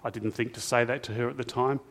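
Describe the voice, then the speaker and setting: A man's voice: mid-range voice, fairly even intonation, quick pace, fairly bright tone. A middle-aged man, preaching a sermon as pastor in a chatty storytelling way with asides to the congregation. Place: church. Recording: reverberant church hall.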